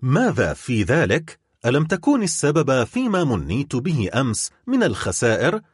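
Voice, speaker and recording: A proud, sharp-tongued baroness, scornful and indignant, as a male narrator voices her. The husky voice rises a little and moves widely in pitch, recorded dry and close. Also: wildly swooping pitch, brisk, no echo.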